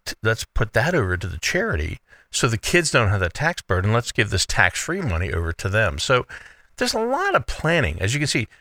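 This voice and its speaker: A man's voice: on the low side, sharp tone, no room sound. A man hosting a radio show as a financial advisor, explaining things conversationally and often saying "you know".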